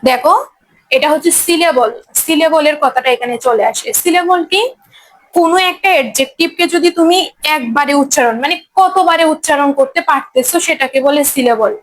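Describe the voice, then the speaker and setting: Woman, high-pitched, patient classroom grammar teacher who often checks understanding. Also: low-quality recording. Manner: explains step by step, often asking students if they follow. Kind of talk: classroom lesson at a board.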